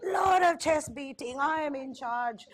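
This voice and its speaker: A health agency speaker and risk communication expert, this woman has a Sri Lankan accent and a fairly high voice, speaking a little slowly. Presenting at a conference, she is candid and wry, repeating points for emphasis and checking in with brief tag questions.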